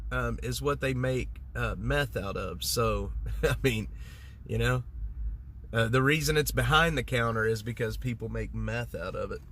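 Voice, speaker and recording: Against background noise, a livestream host with a congested, medium-pitched voice talks a little slowly, chatting casually with viewers and wandering off track with lots of fillers and restarts.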